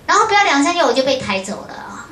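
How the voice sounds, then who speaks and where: A Buddhist nun gives a storytelling lecture to an audience. She tells her story in a lively way and often uses short filler words. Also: high voice, fast talker. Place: lecture room at a foundation. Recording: roomy hall with faint ambience.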